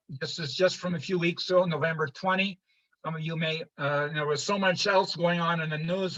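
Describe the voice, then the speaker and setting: An older man from Honduras giving an informal slide lecture, halting with many fillers and restarts. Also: on the high side, pushed and bright. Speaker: presenter. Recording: muffled lo-fi livestream audio.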